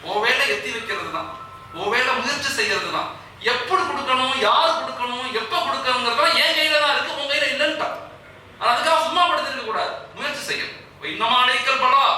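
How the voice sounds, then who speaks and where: A man's voice: sits high, pushed and bright, a little hiss or hum. A man giving a motivational speech to business people, often repeating key phrases and quoting scripture. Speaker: invited speaker, Islamic scholar. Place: event hall. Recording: echoey hall, speaker far from mic.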